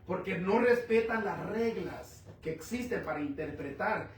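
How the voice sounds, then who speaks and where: A man preaching a sermon, asking the congregation rhetorical questions and swinging between loud and quiet. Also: high voice, lively intonation, a little slow, a little hiss or hum. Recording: echoey room, mic at a distance.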